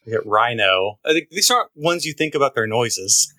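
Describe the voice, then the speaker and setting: A man co-hosting a podcast in casual chat, relaxed, playing sounds from a soundboard. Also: mid-range voice, moderate pace. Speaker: podcast co-host.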